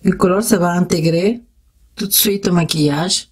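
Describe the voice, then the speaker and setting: A woman's voice: lowish voice, fairly even intonation, normal speed, husky. A woman with a Spanish accent, Spanish her first language, hosting a step-by-step makeup tutorial in a chatty, encouraging way, talking straight to her viewers and making little "tac" sounds as she works.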